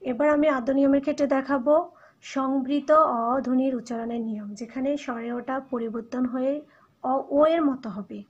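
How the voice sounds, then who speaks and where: A Bangladeshi woman teaches a recorded lesson in a high, husky voice. She explains each point step by step and leans on the example words, saying them again and again. The sound is dull and lo-fi. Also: fairly even intonation, brisk, darkish tone. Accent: Bangladeshi Bengali. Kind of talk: recorded classroom lecture.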